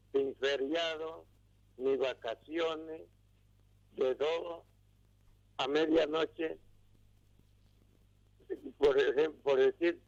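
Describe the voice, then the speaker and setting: Casting: gravelly caller on a dull phone line, slow and halting. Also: male voice, mid-range voice. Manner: pauses mid-phrase, restarts words. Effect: heard over a phone line. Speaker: radio call-in listener. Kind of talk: slow, halting storytelling to a legal expert. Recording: dull phone call on radio.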